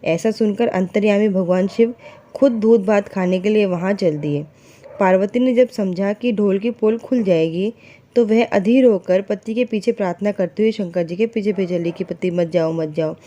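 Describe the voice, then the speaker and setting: Mellow-voiced woman telling a devotional story. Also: medium pitch, moderate pace, highs cut off. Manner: conversational, asks and answers own questions; fillers and self-corrections. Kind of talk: casual devotional story retelling.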